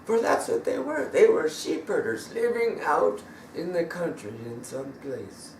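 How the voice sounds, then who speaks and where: A man's voice: on the high side, unhurried, creaky, a little hiss or hum. A man telling a children's bible story in a casual, emphatic way, recorded from a distance in an echoey room. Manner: animated, emphatic, casual grammar.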